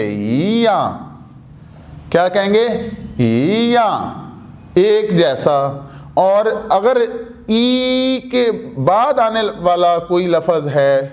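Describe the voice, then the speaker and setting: Slow, high-voiced male language teacher. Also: a little mellow. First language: Urdu. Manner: asks questions and answers them himself, repeats words slowly; mixes in English terms. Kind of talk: explaining Chinese tone rules.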